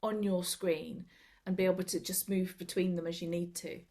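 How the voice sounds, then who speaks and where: A woman's voice: fairly low pitch, level tone, normal speed, warm tone. A woman sharing tips in a casual chat over a laptop video call, laughing often and acting out little quotes. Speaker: club member giving tips.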